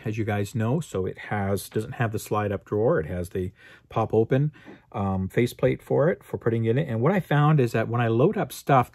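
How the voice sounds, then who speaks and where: A man's voice: mid-range voice, a little mellow, no echo. A man hosting his own show, casually reviewing car accessories in an easygoing way, with lots of uh and um fillers. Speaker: host.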